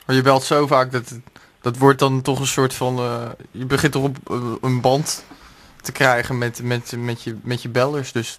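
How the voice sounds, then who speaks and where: A man's voice: mid-range voice, flat delivery, moderate pace, fairly bright tone. A man co-hosting a late-night radio show, cutting in with wry, probing questions. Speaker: radio co-host.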